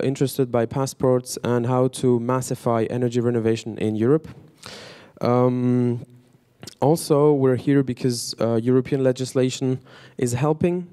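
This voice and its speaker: A man with a French accent moderating a conference panel, speaking unhurriedly and pausing often between phrases. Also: medium pitch, mellow.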